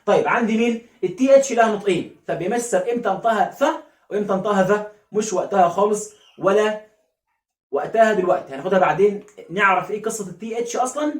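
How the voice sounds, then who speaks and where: Teaching a phonics lesson in a reverberant space, a high-voiced man with an Egyptian Arabic accent draws out every sound slowly and repeats it. He poses questions and then supplies the answers himself.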